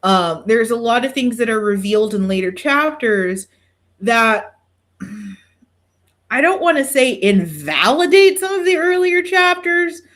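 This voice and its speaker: A woman's voice: on the high side, expressive, unhurried, a bit bright. A woman hosting a podcast in casual chat, swearing freely and poking fun at herself with dramatic exaggeration. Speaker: podcast host.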